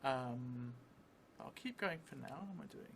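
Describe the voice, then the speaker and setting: Thinking out loud while improvising a solo tabletop game, a middle-aged streamer and role-player sounds hesitant and reflective, pausing for long stretches. His voice is mid-range; he's seated at a table in an indoor theatre room, and the clear recording carries steady background noise.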